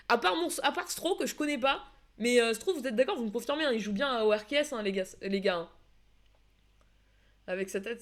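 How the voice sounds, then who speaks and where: Chatty woman casting esports. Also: a little high. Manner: chatty, slangy, many fillers and restarts. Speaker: streamer and match caster. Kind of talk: casual live-stream esports commentary.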